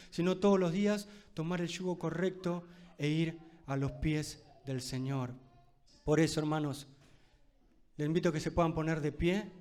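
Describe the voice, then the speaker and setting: A man with a Rioplatense Spanish accent preaching a fervent sermon, checking in with the congregation often and closing in prayer. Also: fairly high pitch. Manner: ends in a spoken prayer.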